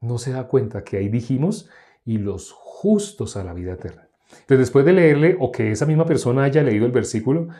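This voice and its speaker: A man's voice: medium pitch, big pitch swings, a little fast, dark tone. A male preacher giving a teaching sermon in a conversational way, acting out back-and-forth dialogues with the people he talks to. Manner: conversational, acts out dialogues with listeners.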